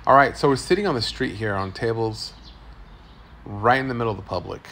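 Brisk and slightly bright, this mid-range male voice belongs to a forties-aged food vlogger doing casual walk-and-talk narration. He shoots on his phone at an outdoor street food stall, keeping an upbeat tour-guide tone, with a little hiss or hum on the audio.

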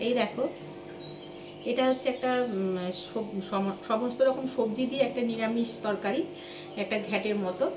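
A woman's voice: a little high, normal speed, long pauses, music in the background. A woman in her thirties with a West Bengal accent, chatting casually to viewers while going about her day at home. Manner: chatty, talks to viewers directly. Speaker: vlogger. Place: home kitchen and rooms. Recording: echoey room with household noise.

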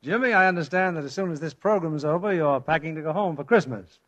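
A man's voice: on the high side, fast talker, a bit bright, muffled recording. A man from Philadelphia hosting a 1940s radio drama program, genial and polished. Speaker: radio host. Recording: old radio broadcast.

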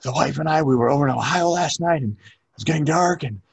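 A gushing, overexcited patron spills a rambling story in a raised, gravelly voice, breathless and eager, as a man puts him on. The tone is husky and dry, pitched well above the speaker's own low register. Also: fast talker, no room sound. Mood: excited. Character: overexcited chatty male genealogy patron.

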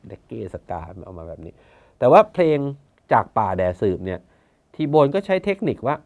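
A man's voice: lowish voice, big pitch swings, moderate pace, vocal fry, a little mellow. A man chairing a conservation foundation, talking in a casual storytelling way, blunt and colloquial, now and then acting out other people's words. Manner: colloquial, blunt, acts out quoted officials.

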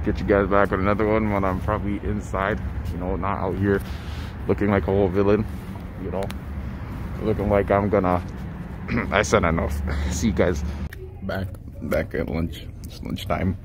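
A man's voice: low voice, level tone, moderate pace, background noise. A young man recording a casual school vlog on a phone held at arm's length, playful and laughing, repeating his words. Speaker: vlogger. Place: school hallways, indoors.

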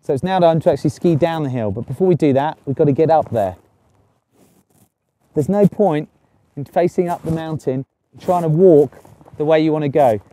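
A male instructor in middle age talks to camera out in the open. His voice sits a little high yet has a soft, dark, relaxed tone. He gives practical directions one step at a time in a clear teaching style. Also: moderate pace, pauses often. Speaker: ski instructor presenting a lesson. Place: outdoors on a snowy ski slope.

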